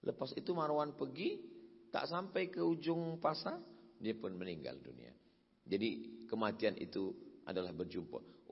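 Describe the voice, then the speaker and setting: A male preacher telling stories in a sermon, swinging between loud emphatic passages and soft, low asides. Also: gravelly, breathy edge. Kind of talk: storytelling sermon. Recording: long hall reverb.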